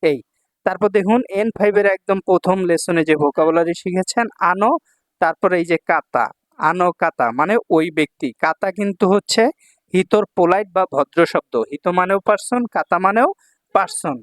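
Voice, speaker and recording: A man's voice: high-pitched, moderate pace, no room sound, clean studio sound. A male language teacher explaining kanji readings and meanings, repeating each reading and often checking that students follow. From Bangladesh.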